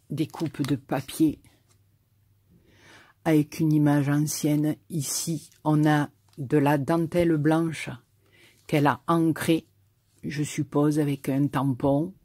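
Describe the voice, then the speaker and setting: A woman's voice: low voice, flat delivery, slow, pauses often, dark tone, slightly rough, dry recording. A woman with a southern French accent chatting casually as she opens her mail, effusive and often repeating herself. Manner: effusive, repeats words and stammers. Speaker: craft YouTuber. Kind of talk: casual mail-opening video.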